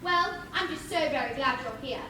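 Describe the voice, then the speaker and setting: A woman's voice: high-pitched, lively intonation, normal speed. A woman playing a prim, motherly young girl who asks many polite questions, on a live stage. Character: proper motherly young girl, curious and sensible. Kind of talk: stage play acting. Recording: echoey stage recorded from far off, with loud noise.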